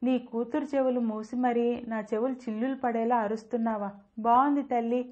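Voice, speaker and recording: A woman's voice: fairly high pitch, steady tone, normal speed, a little mellow, close to an everyday voice. A woman voicing a spirited, stubborn young daughter who has just become a mother, wheedling and headstrong in an audio storybook. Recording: dull lo-fi audio.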